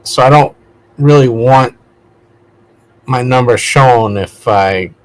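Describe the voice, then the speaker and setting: A slow-speaking man with a medium-pitched voice hosts a casual spoken vlog. His talk meanders, full of digressions and corrections as he goes.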